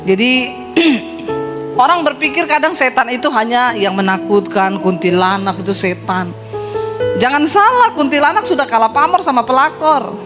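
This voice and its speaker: A woman pastor delivers a sermon in a chatty, humorous way, slipping into the voices of people from her stories. Her voice sits high. Instrumental music plays clearly beneath her words. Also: normal speed. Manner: humorous, conversational, acts out dialogue. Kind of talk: sermon with storytelling.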